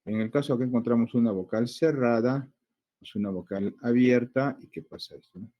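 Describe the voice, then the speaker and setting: A man with a Peruvian Spanish accent teaching a grammar lesson, explaining step by step and checking in with frequent questions, drawing out words slowly to sound out their syllables. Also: medium pitch, highs cut off.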